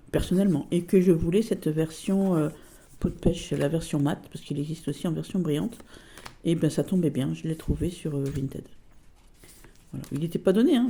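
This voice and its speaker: A woman chatting casually in a show-and-tell vlog about her tarot collection, gushing over each item and filling pauses with repeated fillers. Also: deep voice, gravelly, mellow, slight background noise. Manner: chatty, fills pauses with repeated "voilà" and "euh". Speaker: tarot collector and video creator.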